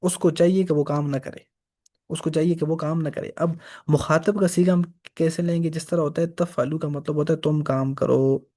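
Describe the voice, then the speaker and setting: A man's voice: a little high, steady tone, moderate pace, dark tone. A man teaching Arabic grammar for reading the Quran, patiently repeating each example. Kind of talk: grammar lesson.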